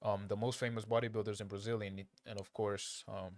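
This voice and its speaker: This native Portuguese speaker, from Angola but raised in Portugal, makes reaction videos with casual, unscripted remarks. His lowish, darkish voice has little pitch movement, and his delivery is blunt, slangy, and halting, with frequent repeated phrases.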